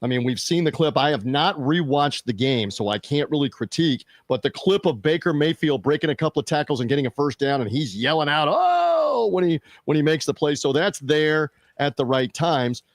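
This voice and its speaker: A man hosting a sports media podcast, chatting casually with fillers and quick restarts. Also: on the high side, dry recording, studio quality. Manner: conversational, fillers and restarts, reads out show plugs.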